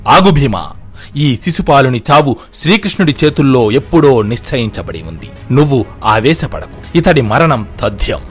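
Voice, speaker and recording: A man's voice: mid-range voice, very animated, normal speed, soft background music, close to an everyday voice. A man voicing a wise old patriarch. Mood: calm firm. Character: wise old grand patriarch, calm and firm.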